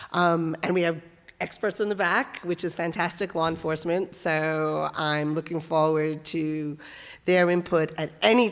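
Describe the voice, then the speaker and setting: Low, hoarse woman speaking in an echoey hall. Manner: conversational, with asides. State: hoarse from a passing cough. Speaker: guest speaker and trainer. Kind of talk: informal training talk to a group. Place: church hall. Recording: echoey hall, long reverb.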